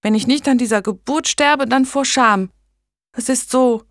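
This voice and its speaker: A woman's voice: medium pitch, takes it slowly, a bit bright, dry recording, studio quality, voice pushed up. A woman reading an audiobook and voicing a frightened young noblewoman in painful labour, pleading and whimpering. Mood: desperate.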